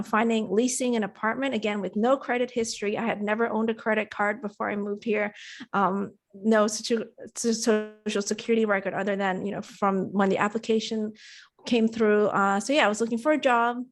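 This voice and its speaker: A woman's voice: medium pitch, steady tone, brisk. A woman who grew up in Indonesia and Australia, a TV producer and interview guest, telling her story in a chatty, rambling way with plenty of fillers. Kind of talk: casual interview.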